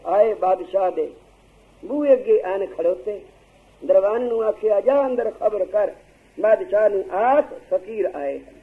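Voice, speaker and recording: A man's voice: high voice, a little slow. A man, preaching and telling a moral story as a Sikh preacher, acting out the voices of the people in it. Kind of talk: storytelling religious discourse. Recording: tinny phone-like lo-fi recording.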